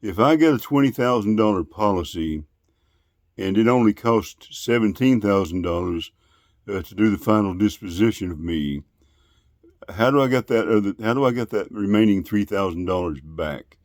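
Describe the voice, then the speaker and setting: A man in casual phone conversation, asking questions in a polite, deliberate, long-winded way. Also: on the low side, expressive, a little mellow, no echo, studio quality. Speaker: call recipient.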